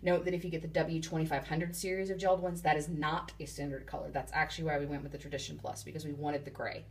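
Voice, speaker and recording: Low-voiced chatty woman. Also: flat delivery, fast talker. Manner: chatty, rambling, many ums and asides. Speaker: vlogger building a tiny house. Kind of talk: casual handheld walkthrough. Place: inside an unfinished wooden shed.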